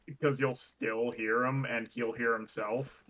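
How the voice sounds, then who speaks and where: A man's voice: medium pitch, little pitch movement, unhurried, fairly bright tone. A man joking around in a casual gaming voice chat, poking fun at himself and his friends. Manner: joking, self-mocking.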